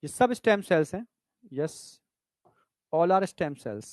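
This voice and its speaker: A man's voice: sits high, sing-song, takes it slowly, no echo, clean studio sound. A man teaching biology in a classroom lecture, explaining step by step and often checking that students understand. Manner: addresses students as "bhai" and "beta".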